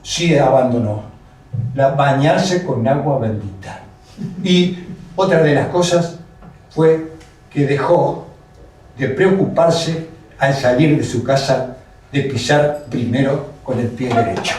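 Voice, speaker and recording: A man with an Argentine accent telling a story live, speaking in a measured, hesitant way. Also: mid-range voice, darkish tone. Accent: Argentine Spanish. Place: museum house room with audience. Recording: echoey room, distant mic, faint noise.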